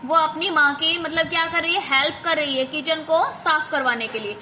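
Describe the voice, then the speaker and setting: An Indian woman teacher going through a textbook exercise, reading English lines slowly, then explaining quickly and coaxingly to a child. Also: high voice, sharp tone, a little hiss or hum. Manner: mixes Hindi and English, slow when reading English aloud, quick when explaining; addresses the listener as a child, coaxing.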